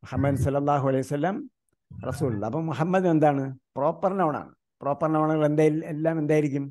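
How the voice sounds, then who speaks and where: Man from India teaching grammar online, mellow voice, keeps quizzing students and spells terms out slowly. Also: fairly high pitch, steady tone. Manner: quizzes students with repeated questions.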